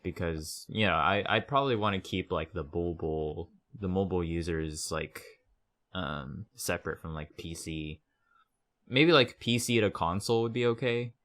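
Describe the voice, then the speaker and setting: Very deep-voiced laid-back man. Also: moderate pace, a bit bright. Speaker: podcast co-host. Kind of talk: casual chat.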